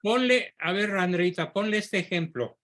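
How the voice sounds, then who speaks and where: A man's voice: high voice, normal speed, a crowd in the background. A male teacher answering a student's question in an assertive, emphatic way.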